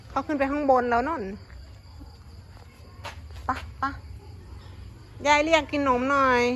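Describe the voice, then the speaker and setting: A woman's voice: high-pitched, steady tone, takes it slowly, a bit bright, a little hiss or hum. A middle-aged woman, talking playfully to her dogs in doting baby talk. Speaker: pet owner. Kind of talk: casual vlog talk to pets.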